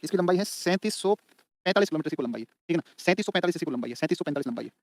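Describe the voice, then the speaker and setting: Male teacher, exam-prep lecture, repetitive dictation, slightly high voice, colloquial. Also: animated, very fast, no echo. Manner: repetitive, drills points for students to write down; colloquial, addresses students as beta and bhai.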